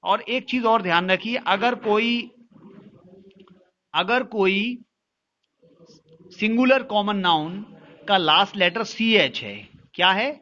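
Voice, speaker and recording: A man's voice: high-pitched, slow pace, pauses often, bright, forceful tone, highs cut off. A man teaching English grammar in Hindi mixed with Indian-accented English, spelling words out letter by letter and asking questions back to the class.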